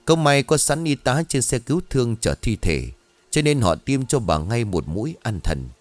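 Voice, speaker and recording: A man narrating a scripted ghost story in an expressive, dramatic storytelling manner. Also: mid-range voice, moderate pace, dry recording. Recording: dry close studio voice over faint music.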